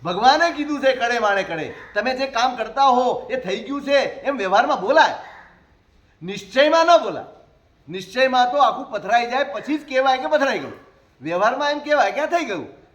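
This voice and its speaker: Speaking with a very high-pitched voice, a male Jain monk preaches conversationally. His sermon leans on rhetorical questions and is sprinkled with gentle humor.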